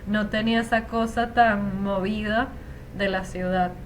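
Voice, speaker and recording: A Venezuelan woman in her thirties, a Spanish teacher appearing as an interview guest, chats in a reflective way full of fillers during a casual conversational interview. Her mid-range voice stays steady and unhurried, with a little hiss or hum on the recording.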